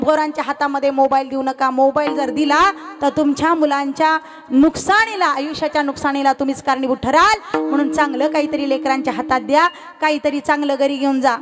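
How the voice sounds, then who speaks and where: A young woman kirtan preacher, giving a loud, animated devotional sermon before a live audience, teasing and telling stories. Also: high-pitched, a little fast, soft background music. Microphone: sound system microphone.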